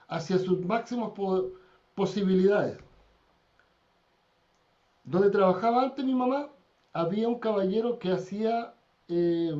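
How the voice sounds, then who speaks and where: On a dull lo-fi recording, a man with a high, mellow voice teaches a church class. He tells stories and acts out the people in them, raising his voice for their quoted words.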